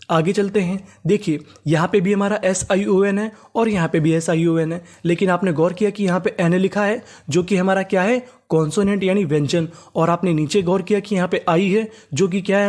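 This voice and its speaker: A man teaching a reading class. He spells words out letter by letter, repeats them slowly, and keeps asking the class rhetorical questions. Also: high-pitched, a little mellow. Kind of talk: classroom-style reading lesson.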